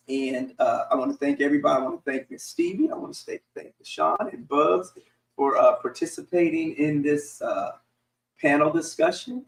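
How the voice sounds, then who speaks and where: A man with a hoarse, raspy, congested voice hosts a casual live-streamed panel chat, halting as he goes. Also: on the high side. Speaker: host of a panel discussion. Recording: roomy echo, distant mic.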